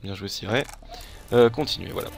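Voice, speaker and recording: A man gives casual let's play commentary in a low voice with a gravelly edge. He rambles in a chatty, self-mocking way, full of hesitations and fillers. He sounds like a home gaming host talking straight to his viewers. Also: normal speed, faint music behind. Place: home desk, recorded after the gameplay.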